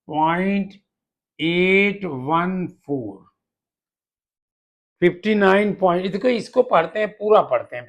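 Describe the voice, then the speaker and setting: A man teaching decimal subtraction, explaining step by step with patience and spelling out words letter by letter. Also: sits high. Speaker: math teacher. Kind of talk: classroom lesson explanation.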